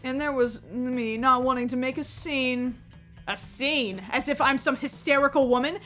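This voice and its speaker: An actress playing a defiant record-store owner who cuts into people with sharp retorts. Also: female voice, high-pitched, moderate pace, soft background music. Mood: furious. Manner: defiant, cutting. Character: fiery middle-aged woman record-store owner.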